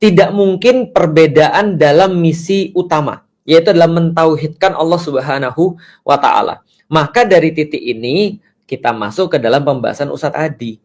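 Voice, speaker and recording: A man giving a casual religious lecture as a preacher, lively and acting out the voices he quotes. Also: a little high, normal speed, highs cut off. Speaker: Islamic preacher.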